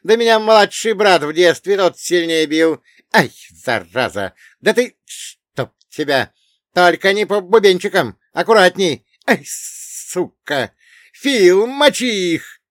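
A man voicing a feisty, foul-mouthed male dwarf who yells brash insults. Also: very animated, takes it slowly, no echo, studio quality, exaggerated voice. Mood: yelping brash. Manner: yelling insults, shrill and brash.

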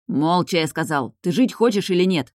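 Woman doing a gruff, curt stranger barking orders. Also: lowish voice, lively intonation, normal speed, darkish tone, no echo, studio quality.

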